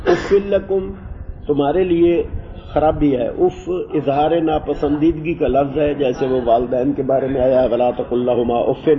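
A man teaching a class on Quranic Arabic. He explains the grammar at length, wanders off topic, and recites verses slowly. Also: medium pitch, steady tone. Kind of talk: classroom lecture on scripture and grammar. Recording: muffled lo-fi classroom recording with faint hiss.

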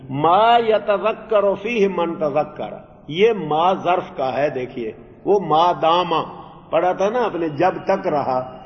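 A man teaching Quranic Arabic grammar, reciting verses slowly and then explaining them in translation. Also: high-pitched. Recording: dull lo-fi recording in a reverberant hall.

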